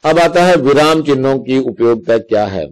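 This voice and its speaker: A man's voice: mid-range voice, animated, normal speed, poor audio. Hindi-speaking male teacher, patient explainer. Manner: explains patiently, reads examples out step by step. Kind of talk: explaining grammar to schoolchildren.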